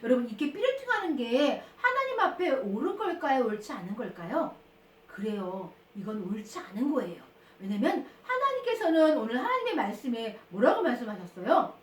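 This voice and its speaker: High, animated woman teaching children. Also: fairly quick, a little hiss or hum. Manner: animated, sing-song storytelling to children. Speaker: children's Sunday school teacher. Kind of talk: children's sermon. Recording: echoey room, far from the mic.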